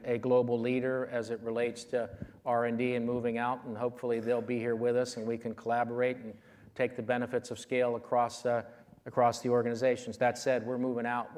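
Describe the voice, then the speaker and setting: Wearing a lapel mic on a big conference stage, a man in his fifties answers the audience's questions as keynote speaker. His voice is medium in pitch with a darkish tone, and he sounds measured and confident despite frequent fillers.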